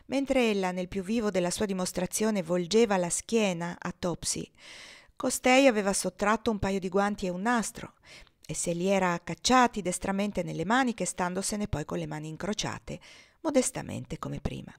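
A woman reading a classic novel aloud as an audiobook, in a calm, measured way. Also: medium pitch, vocal fry. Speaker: reader. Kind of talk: audiobook narration.

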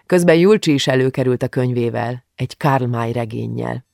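Gravelly man narrating an audiobook. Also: mid-range voice, darkish tone, dry recording, clean studio sound.

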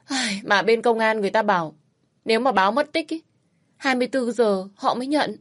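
An anxious young woman answers in a bright, raised, eager voice, as a woman narrating a story puts her on. She talks quickly and lifts her tone when she agrees. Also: fairly high pitch, pitched above the performer's own voice, close to an everyday voice. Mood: worried.

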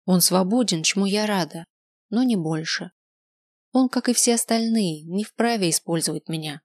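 A woman's voice: mid-range voice, moderate pace, no room sound, clean studio sound. Woman reading a first-person audiobook. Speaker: audiobook narrator.

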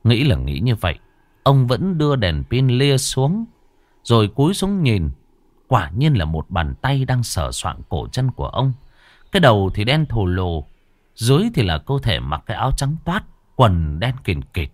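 A man tells a ghost story with an expressive voice that swings in pitch. The recording is dry and close. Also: moderate pace, no echo.

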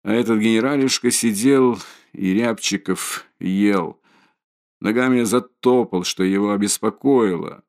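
A man reading an audiobook, voicing a distraught, proud, impoverished widow who talks in a shrill, frantic, haughty way. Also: measured pace, a little mellow. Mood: haughty, bitter.

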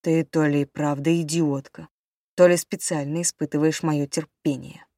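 A woman voicing an abusive young husband who shouts with contempt, in a dry audiobook reading. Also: fairly low pitch, moderate pace, no room sound, lightly acted. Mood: furious.

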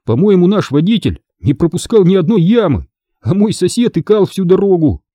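A man's voice: sits high, very animated, moderate pace, dark tone, no room sound, clean studio sound, pitched above the performer's own voice. Eager young boy, a man reading him. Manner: eager, earnest.

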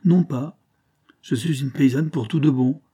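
Man voicing a young country girl, bold, teasing, higher voice, mellow, husky. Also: normal speed, natural voice. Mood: playful. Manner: lively, bold, playful. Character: spirited young woman, country girl with city schooling, teasing. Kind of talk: audiobook character reading.

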